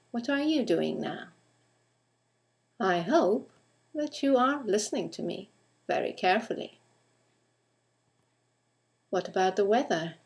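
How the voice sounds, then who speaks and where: A woman giving a recorded English grammar lesson at an unhurried pace. Her voice sits in a middle register, and she speaks clearly and deliberately. She often turns to the listener with questions. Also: medium pitch. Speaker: English teacher.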